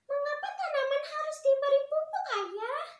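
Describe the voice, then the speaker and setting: A woman's voice: animated, normal speed. A woman reading as an eager little schoolgirl. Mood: curious. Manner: high, earnest, sing-song reading. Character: eager young schoolgirl asking her father. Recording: echoey classroom from far off.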